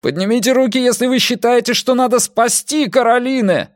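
A man voicing a desperate, bossy teenage boy in an audiobook who yells commands at his friends. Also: a little high, lively intonation, brisk, dry recording, studio quality, voice pushed up, lightly acted. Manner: yelling commands. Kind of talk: audiobook reading.

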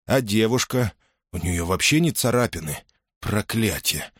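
A man's voice: lowish voice, expressive, a little slow, fairly bright tone, dry recording. Grumbling sellsword, voiced by a man, muttered, close dry mic. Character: gruff middle-aged mercenary man who hates magic.

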